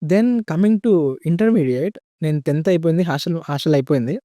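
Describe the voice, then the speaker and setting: A man's voice: on the high side, moderate pace, dark tone, no room sound, studio quality. A young man telling stories in a casual podcast chat, mixing in English words and often calling the host "bro". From India. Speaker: guest.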